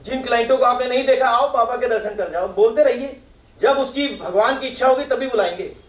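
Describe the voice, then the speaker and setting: Middle-aged male speaker at a professional meet; quizzes the room, high pitch, distant roomy sound. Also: brisk. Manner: asks the audience questions and acts out their replies. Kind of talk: motivational talk to an audience. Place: meeting hall with audience. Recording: echoey hall, mic from far off.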